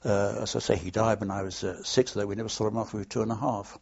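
A gravelly, husky voice on the low side belongs to an older Londoner recalling the past in an unscripted oral history interview. He talks fast with fairly even intonation, rambling through anecdotes and hesitating a lot. The sound is lo-fi.

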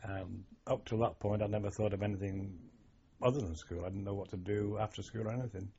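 A lowish, warm voice with a breathy edge belongs to an older Englishman, formerly a sailor, talking a little fast but steadily. In an oral history interview he thoughtfully recounts his childhood and navy days, reflective, wry and storytelling. It's on dull lo-fi archive tape.

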